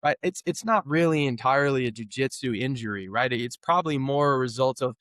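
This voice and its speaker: A thirty-year-old man from New England, a physical therapist telling his story as a guest, relaxed and full of fillers and restarts. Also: medium pitch, a little fast, no echo, clean studio sound. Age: 30s. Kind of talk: casual interview talk.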